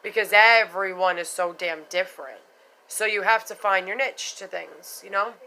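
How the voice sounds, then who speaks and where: A middle-aged woman vlogs frankly about dentures, speaking straight to the camera with no script in a bright, clear voice of medium pitch and moderate pace. She's chatty, swears casually, and relies on "you know" and "like," all captured in a low-quality recording.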